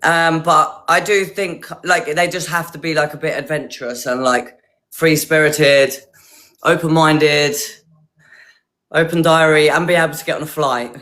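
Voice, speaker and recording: A woman's voice: low voice, steady tone, measured pace, a bit bright. A woman from Hertfordshire, chatting casually and at rambling length on a video call. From Hertfordshire, England. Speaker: dating show contestant. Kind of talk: casual chat.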